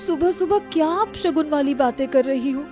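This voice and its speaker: A woman's voice: sits high, moderate pace, mellow, soft background music, natural voice. A woman voicing a young eldest granddaughter who coaxes and placates her grandmother. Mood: coaxing. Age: young adult. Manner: coaxing, placating.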